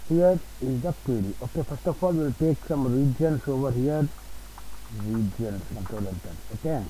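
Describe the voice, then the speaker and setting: A man's voice: medium pitch, moderate pace, dark tone, slight background noise, poor audio. A man presenting an unscripted spreadsheet tutorial, dictating keystrokes and entries word by word. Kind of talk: unscripted screen-recorded tutorial.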